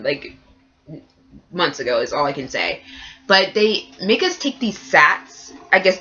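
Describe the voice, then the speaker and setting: A low-pitched woman with a bright, forceful tone gives a casual vlog update as a nursing student, nasal and congested from a cold. She rambles with lots of fillers, and the recording's highs are cut off.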